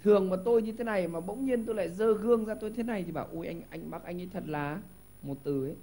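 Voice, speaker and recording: A man hosting a TV quiz show in a studio, giving lively hints and often stumbling over repeated words. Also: high voice, racing. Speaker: game show host.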